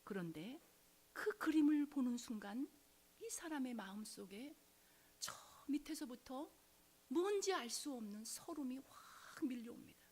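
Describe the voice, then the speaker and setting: Woman preaching a testimony story, lively up and down voice, drops to a whisper a lot. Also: high-pitched, a little slow, breathy edge. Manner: dramatic storytelling, acting out quoted voices, dropping to whispers. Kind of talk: sermon storytelling.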